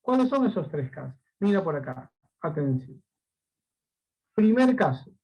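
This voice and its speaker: A man with a high voice teaches a language class, walking through each rule step by step. He keeps asking rhetorical questions and repeats his key points so students follow along. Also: very animated, a little slow, husky, muffled recording. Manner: patient, explains step by step. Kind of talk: recorded class lesson.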